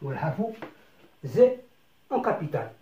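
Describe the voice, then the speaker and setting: A French teacher giving a beginner lesson, switching between French and Arabic, speaking slowly and breaking each word into syllables and repeating them. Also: mid-range voice, sing-song, a little hiss or hum. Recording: roomy, slightly dull recording.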